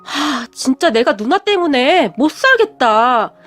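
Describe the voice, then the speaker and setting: An exasperated young husband, as a woman reads him out in a radio story, sighing over his sister's trouble. His voice leaps high when he protests, over faint background music. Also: sing-song, slow, fairly bright tone, heavily acted.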